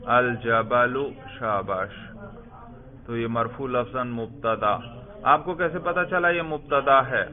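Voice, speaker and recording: A man teaching a grammar class in a steady mid-range voice. He quizzes students and drills each answer back. The sound is thin and phone-like. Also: mid-range voice. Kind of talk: classroom lesson.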